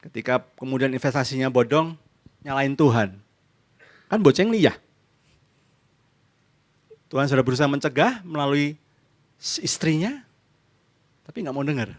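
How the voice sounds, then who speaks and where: A man's voice: medium pitch, lively intonation, normal speed, pauses often. A man preaching a sermon as pastor in a church service, speaking with an Indonesian accent. He asks the congregation questions and answers them himself, acts out couples' arguments, and mixes in English phrases.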